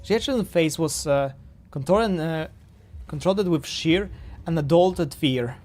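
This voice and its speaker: A man's voice: on the high side, measured pace, a little mellow. A man streaming a game, reading dialogue aloud and commenting casually, often stumbling over words.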